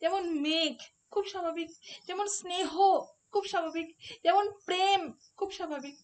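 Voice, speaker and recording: A woman teaching a phonetics lesson for an exam, explaining step by step and asking rhetorical questions. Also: extremely high pitch. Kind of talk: online exam-prep lesson.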